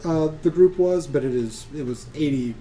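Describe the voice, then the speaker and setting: A man's voice: fairly high pitch, moderate pace, warm tone, a little hiss or hum. A man narrating as game master of a tabletop game, chatty and laughing often, with many restarts.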